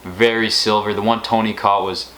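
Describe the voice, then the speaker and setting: A man's voice: fairly low pitch, flat delivery, moderate pace, pushed and bright, low-quality recording. A man co-hosting a fishing channel, chiming in with short, laid-back remarks in casual chat.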